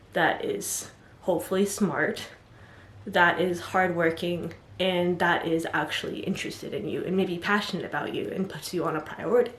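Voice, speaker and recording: A woman's voice: lowish voice, echoey room. A woman vlogging to camera, talking in a rambling, chatty way full of "like" and apologetic asides, a bit out of breath as she stands. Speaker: vlogger giving self-love advice. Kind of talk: casual chat to camera. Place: indoor room, standing before the camera.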